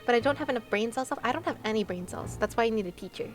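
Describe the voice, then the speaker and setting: Talking very fast in a fairly high, expressive voice, a young woman hosts a livestream and chats with viewers over a game. She giggles, exclaims and keeps things playful, with game music in the background.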